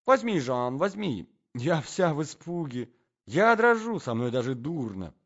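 A man's voice: very animated, normal speed. A man voicing a flustered, chattering young society lady who talks in a breathless, gushing rush, on a dull lo-fi recording. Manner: breathless, gushing, high and flighty.

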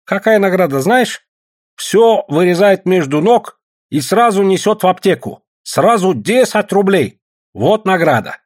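Brash rough prospector, read by a man; high, husky, jeering, loud. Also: lively intonation, unhurried. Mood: mocking. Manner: shouting, jeering.

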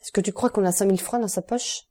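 A woman's voice: medium pitch, fairly even intonation, fast talker, warm tone, close to an everyday voice. A woman voicing an indignant, starving male banker held prisoner, protesting haughtily in an audiobook reading. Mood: exasperated.

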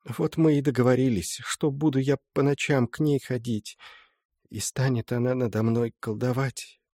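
An old village mother recounts her past in a soft, confiding folk-tale manner, as a male audiobook reader puts her on. The voice is mid-pitched for a man and sits very dry and close, with no room around it. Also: fairly even intonation, moderate pace, no echo, lightly acted. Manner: soft storytelling, folksy and confiding. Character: old village mother confessing, tearful and humble. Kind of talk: audiobook reading.

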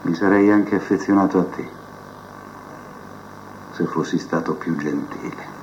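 An actor playing a proud, scheming male prison inmate who believes he is a genius, musing aloud to his cellmate in a theatrical TV drama monologue, drifting between soft mutters and sudden outbursts. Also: low-pitched, measured pace, noisy background. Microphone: cassette recorder mic held to a TV speaker. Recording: muffled TV audio taped off a set onto cassette.

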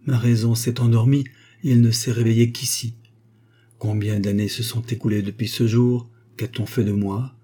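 Male reader doing a haunted old chieftain: dark, husky, anguished. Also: medium pitch, level tone, moderate pace, close to an everyday voice.

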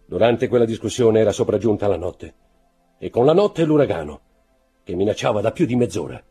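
A man giving expressive, theatrical audiobook narration in a measured way. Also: lowish voice, slightly rough, soft background music. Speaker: audiobook reader.

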